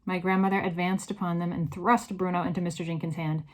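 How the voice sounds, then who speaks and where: Woman reading a kids book out loud, lots of expression, lowish voice. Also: quick pace, low-quality recording. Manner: expressive, varied storytelling. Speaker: read-aloud narrator. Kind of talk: reading a children's novel aloud.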